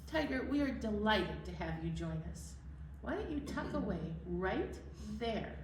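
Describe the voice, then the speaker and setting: Leading sing-alongs at a children's library storytime, this woman speaks to young children in simple, encouraging phrases. Her medium-pitched voice is very animated yet unhurried. Captured on a distant mic in a roomy space, there's music and background noise.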